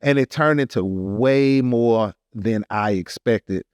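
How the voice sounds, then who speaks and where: A man's voice: mid-range voice, slow, a little mellow, clean tone, no echo, clean studio sound. A man with an American accent telling a personal story in a casual, earnest and emphatic podcast style. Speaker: podcast speaker, artist telling his story.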